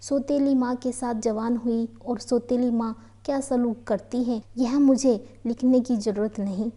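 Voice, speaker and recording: A woman narrating a story aloud in a steady, earnest reading voice. Her tone is very dark and mellow, set a little higher than average.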